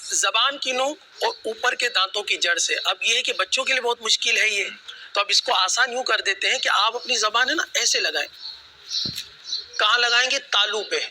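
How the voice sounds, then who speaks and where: A man's voice: sits high, bright, forceful tone, slight background noise, poor audio. A man teaching children to pronounce Arabic letters, patiently drilling each sound and having them repeat it after him. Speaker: Quran recitation teacher.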